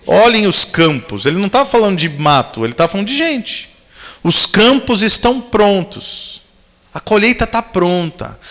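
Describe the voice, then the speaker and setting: A man's voice: high-pitched, fairly bright tone. A man, a pastor preaching at a youth camp, telling personal stories with humor and acting out the dialogue. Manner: storytelling, acts out dialogue, humorous asides. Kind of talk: sermon with personal anecdotes. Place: large camp meeting hall. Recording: long hall reverb.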